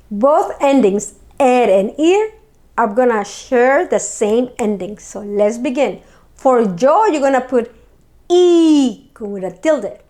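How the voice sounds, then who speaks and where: Slow, deliberate woman teaching a language. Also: sits high. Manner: repeats words slowly and clearly for students to follow. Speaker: Spanish teacher.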